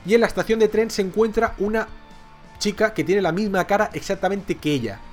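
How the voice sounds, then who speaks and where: A man talks casually as a podcast co-host, his voice sitting a little high. He piles up words like "very, very, very" in his eagerness and restarts often. Soft music plays faintly underneath. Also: a little fast. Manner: enthusiastic, repeats words for emphasis, many restarts. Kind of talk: casual chat reviewing series.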